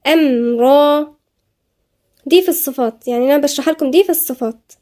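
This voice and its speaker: Woman, Egyptian Arabic accent, high pitched, mellow tone, patient step-by-step tajweed teaching. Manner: explains letter by letter, then recites slowly and drawn out. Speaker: Quran recitation teacher. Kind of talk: tajweed lesson with slow recitation.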